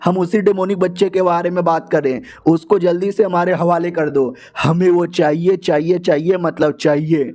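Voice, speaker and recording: A man's voice: high-pitched, fairly even intonation, moderate pace, few pauses, darkish tone, natural voice. A man voicing menacing, greedy male demon henchmen with a taunting, threatening manner.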